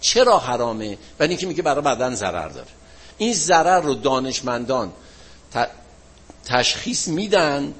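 Man teaching religion to a class. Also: mid-range voice. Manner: relaxed, colloquial explaining with frequent examples; closes with a chanted-style supplication. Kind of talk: classroom talk with questions from students.

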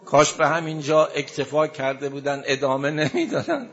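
A man's voice: a little high, expressive, faint music behind. A man delivering a mourning sermon, a preacher recounting a tragic story with impassioned, tearful emotion. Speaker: religious preacher reciting a lament. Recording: dull lo-fi recording.

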